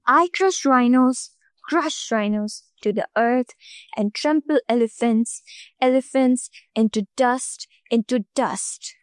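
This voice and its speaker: Lady doing a bragging little caterpillar guy, slow and boomy, dry close sound. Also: no room sound. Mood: boastful. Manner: boastful, repeating its threats. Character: tiny male caterpillar boasting, booming.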